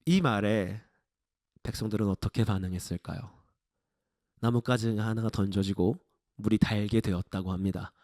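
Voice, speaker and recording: A man's voice: fairly low pitch, fairly even intonation, moderate pace, pauses often, a little mellow, dry recording, studio quality. A man preaching a sermon in a church, retelling a scripture story vividly and acting out its voices. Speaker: evangelist preacher. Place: church sanctuary.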